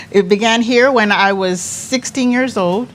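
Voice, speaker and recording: A Cuban-born woman in her fifties, a pageant director, recounts her life story as an interview guest. Her voice is fairly high and slow, and she is lively, laughing often and restarting her sentences many times.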